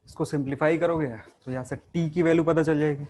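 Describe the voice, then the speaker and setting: Man, fairly high voice, physics teacher, step-by-step explanation, asks the students questions. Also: fairly even intonation, fast, darkish tone. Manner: explains step by step, often asks the class and checks with "ठीक है ना". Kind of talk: classroom lecture at a board.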